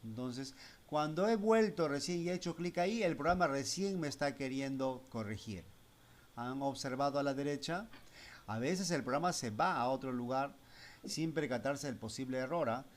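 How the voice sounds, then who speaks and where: A man of middle pitch gives a patient, step-by-step computer lesson to schoolchildren. He keeps checking in with the class with quick questions. He talks close to a desktop mic. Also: expressive. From Spanish-speaking Latin America. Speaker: teacher. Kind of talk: screen-recorded software lesson.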